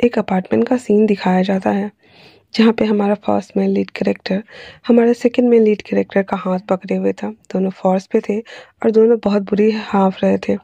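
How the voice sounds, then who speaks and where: Woman storyteller, husky and gravelly, casual chatty reading, close dry mic. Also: mid-range voice, level tone, moderate pace, dark tone, dry recording, dull audio. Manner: casual, chatty narration with fillers. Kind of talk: reading her own fanfiction aloud.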